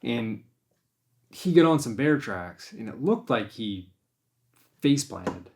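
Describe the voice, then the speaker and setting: A man's voice: mid-range voice, sing-song, slow. A man telling a hunting story on a podcast in a loose, rambling way. He restarts his sentences often and voices his own thoughts as he goes. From Maine. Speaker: podcast host and deer hunter. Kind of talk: casual storytelling chat.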